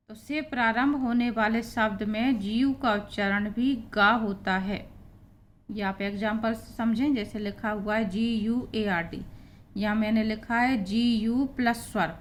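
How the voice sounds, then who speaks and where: A woman teacher with a Hindi accent explains spelling rules slowly and patiently, in a fairly high voice. She spells out letters one by one and repeats each example word, with a faint hum of noise behind her. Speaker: English pronunciation teacher.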